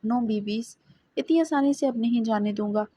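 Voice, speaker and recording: Woman doing a young husband, soft playful coaxing, mellow. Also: a little high, breathy edge, no room sound.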